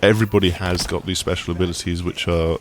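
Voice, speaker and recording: A man with a notably low voice talks through game mechanics in an easygoing, meandering way, full of "like" and "um". A faint hiss sits under the recording. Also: fast talker. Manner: relaxed, rambling explanations with many fillers and restarts. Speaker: games journalist co-host. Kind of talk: casual gaming discussion.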